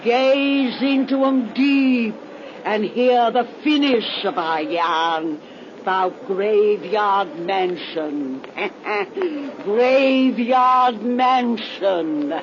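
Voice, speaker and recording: A woman's voice: fairly high pitch, lively intonation, drawn-out words, pauses often, highs cut off. An actress playing a gleefully macabre old American witch who tells horror tales in folksy rustic dialect, in 1930s radio style. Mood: cackling. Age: older. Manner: folksy rustic dialect, cackling, relishing the gruesome. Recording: noisy, band-limited 1930s radio recording.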